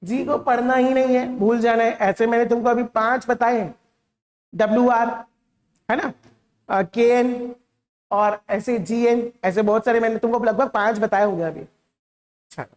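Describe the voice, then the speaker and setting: A woman's voice: fairly high pitch, fairly even intonation, measured pace, darkish tone. Patient Hindi-accented woman teaching spelling. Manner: patient, repeats each word and checks in with the class. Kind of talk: classroom lesson.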